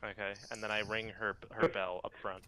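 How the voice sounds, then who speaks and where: A man's voice: fairly low pitch, flat delivery, normal speed, crowd noise, low-quality recording. A young man playing a tabletop game, describing his character's actions with giggles. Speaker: player. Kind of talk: casual tabletop game chat.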